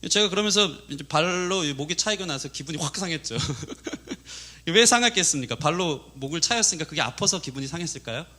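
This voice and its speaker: A man's voice: a little high, lively intonation, a little fast, bright, forceful tone. A male pastor in his thirties preaching a sermon, telling a family story with acted quotes.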